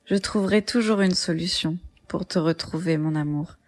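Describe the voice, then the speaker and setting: Woman voicing a calm obsessive stalker girl. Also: fairly low pitch, moderate pace, soft background music, natural voice.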